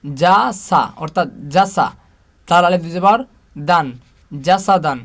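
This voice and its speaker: Guy teaching quran reading, high-ish voice, spells out arabic letters slow and patient. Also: a bit bright. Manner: slow, patient drilling, asking and answering his own questions. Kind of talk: spelling Arabic letters aloud with vowel marks.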